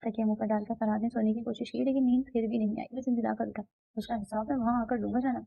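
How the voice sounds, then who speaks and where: A woman narrating a romance novel aloud with steady storytelling. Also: a little high, quick pace, gravelly, no room sound. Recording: dull, slightly muffled dry recording.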